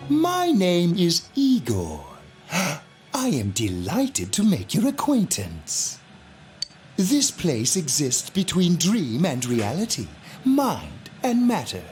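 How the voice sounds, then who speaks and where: An eerie, theatrical old fortune teller. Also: male voice, fairly high pitch, huge pitch swings, darkish tone, full character voice. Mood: courteous, mysterious. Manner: slow, theatrical fortune-teller delivery, formal and ominous. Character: mysterious, courteous old male fortune teller, eerie host. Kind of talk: video game character acting. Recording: game audio with music behind.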